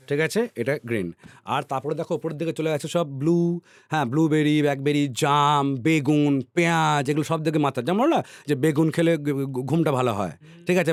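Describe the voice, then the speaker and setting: A man on a podcast explaining ideas at length in a teacherly way, often checking in with his listener and trailing off softly on repeated words. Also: fairly high pitch, dry recording, studio quality. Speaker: podcast guest.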